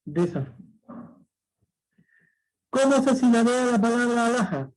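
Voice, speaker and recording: A man's voice: very high voice, lively intonation, unhurried, low-quality recording. A man teaching an exam-prep language lesson, patient and repetitive, often checking that the student understood.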